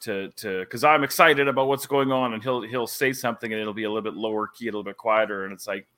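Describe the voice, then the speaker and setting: A man's voice: lowish voice, fast. A man in his forties, a wrestling commentator, telling stories animatedly in a casual podcast chat. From Canada. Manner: animated storyteller, laughs often.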